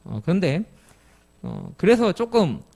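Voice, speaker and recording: Lively, high-voiced middle-aged pastor. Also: male voice, unhurried, creaky. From Jeju, Korea. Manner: explains step by step and asks the congregation questions. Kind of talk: expository sermon at a midweek service.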